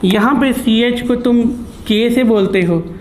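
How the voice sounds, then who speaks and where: A man's voice: very high voice, slow, slight background noise. A man giving a chatty classroom lecture, teasing his students and mixing in English terms. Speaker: teacher.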